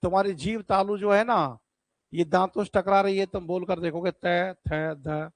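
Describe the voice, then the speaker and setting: Speaking directly to his class, a man teaches online exam prep in a high voice, recorded dry. He keeps things lively and draws out words when he wants to stress them.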